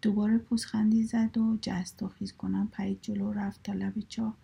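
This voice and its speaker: A woman reading a story aloud in a soft whisper. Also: medium pitch, little pitch movement, creaky, slightly rough.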